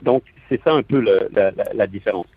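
A husky man with a light Quebec French accent, heard through a tinny phone line. He talks as a radio guest, thinking aloud with hesitant restarts. His voice sits at a middle pitch and sounds dry. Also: brisk, no room sound. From southern France. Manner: hesitant, reflective, many restarts. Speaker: stage actor, guest. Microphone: telephone.

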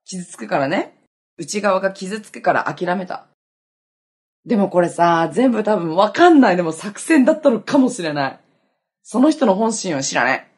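Chatty young woman with a husky, lively voice. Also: mid-range voice, normal speed. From Okinawa, Japan. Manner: chatty, laughs often, self-mocking. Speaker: podcast host. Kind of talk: casual solo chat.

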